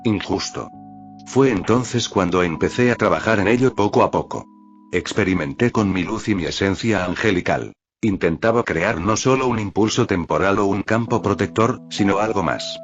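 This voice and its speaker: A man calmly reading a first-person fan fiction story aloud as narrator. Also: lowish voice, moderate pace. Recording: dull lo-fi audio with faint music.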